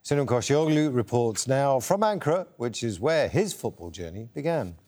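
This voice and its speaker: Male studio anchor, expressive news read. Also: mid-range voice, normal speed. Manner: lively, varied intonation. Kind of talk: news presenting.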